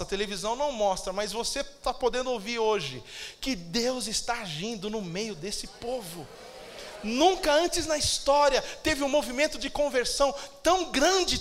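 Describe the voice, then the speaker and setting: A pastor with a Brazilian Portuguese accent and a high, slightly bright voice preaches a sermon. He is emphatic, calling out to the congregation for amens.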